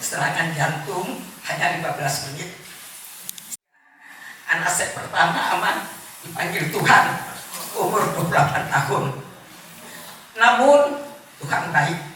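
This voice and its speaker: A woman's voice: on the low side, a bit bright. Earnest woman in her 70s, echoey hall. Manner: earnest, heartfelt, with short pauses. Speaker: church member giving testimony. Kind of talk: personal testimony at a church gathering. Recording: echoey hall, distant mic, background noise.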